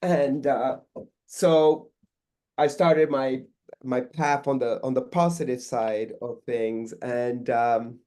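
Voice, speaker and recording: A middle-aged man from Peru, a guest artist talking casually in an interview, relaxed and rambling with many fillers and restarts. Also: medium pitch, takes it slowly.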